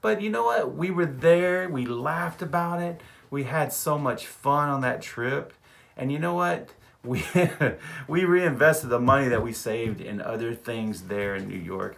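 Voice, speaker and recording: A man from Texas, an animated storyteller who chuckles often and repeats words in a casual vlog. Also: mid-range voice, vocal fry. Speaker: vlogger.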